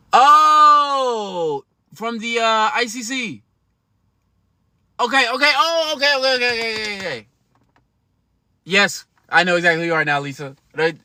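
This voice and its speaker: A man's voice: extremely high pitch, expressive, a little slow, long pauses, pushed and bright, no room sound. A man in his thirties hosting a casual livestream, talking to viewers in a slangy, emphatic, chatty way. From United States. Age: 30s. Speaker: livestream host.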